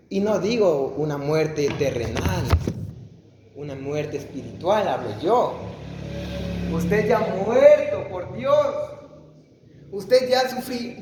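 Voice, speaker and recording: A man preaching a sermon and questioning the congregation directly. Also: high-pitched. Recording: echoey hall, faint noise.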